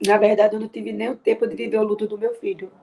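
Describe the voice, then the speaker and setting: A woman with a Recife accent speaks as a grieving mother in an interview. Her voice is gravelly and dark, with a husky edge. She talks quietly, heartfelt and full of faith. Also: mid-range voice, little pitch movement, quick pace. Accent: Brazilian Portuguese, Recife. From Recife, Brazil. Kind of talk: emotional interview.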